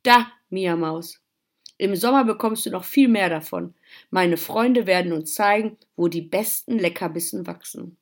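A woman's voice: on the low side, a little slow. A woman doing an eager little boy rabbit. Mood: cheerful.

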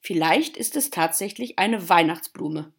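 A woman voicing a cheeky, lively young girl who loves her garden, talking eagerly and excitedly. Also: on the low side, measured pace, vocal fry, exaggerated voice. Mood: wondering.

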